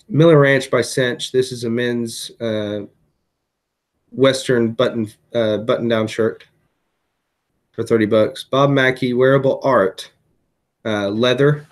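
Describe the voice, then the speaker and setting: A tired man hosting a casual vlog, chatting through items he resold, with lots of fillers and restarts. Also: mid-range voice. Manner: chatty, many fillers and self-corrections. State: tired, hiccuping late at night. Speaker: eBay reseller vlogger.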